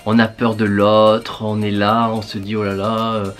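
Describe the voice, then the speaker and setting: Low-voiced man chatting hesitantly. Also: completely flat delivery, measured pace, faint music behind. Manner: hesitant, thinking aloud with many fillers; applying a face mask while talking. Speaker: beauty vlogger. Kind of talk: casual chat to viewers.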